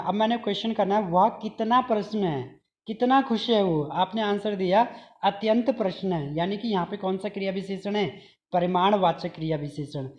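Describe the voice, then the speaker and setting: A man with a high-sitting voice teaches an exam-prep grammar lesson, drilling each point by posing his own questions, answering them and repeating examples. He says "okay" often, and the audio is dull.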